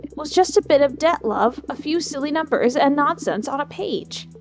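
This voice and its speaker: A woman doing a mild, slow old grandpa. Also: sits high, lively intonation, faint music behind. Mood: gentle. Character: gentle, easygoing old grandfather.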